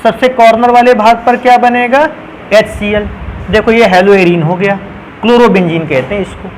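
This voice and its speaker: Guy teaching chemistry, high voice, quizzes the class then answers himself, faint hiss behind. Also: steady tone, normal speed, rough recording. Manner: calls students "beta", asks questions and answers them himself. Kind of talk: classroom lecture.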